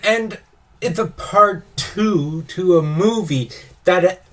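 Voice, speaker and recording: A man's voice: high-pitched, slow pace, slight background noise. A man co-hosting a casual podcast, a teacher, reading film review lines and adding short dry remarks.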